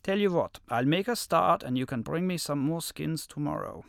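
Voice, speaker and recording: A man's voice: fairly high pitch, animated, moderate pace, gravelly, dry recording, studio quality, pitched above the performer's own voice. A man voicing a sly, greedy male wolf who tricks a lion in a storybook tale. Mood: wheedling.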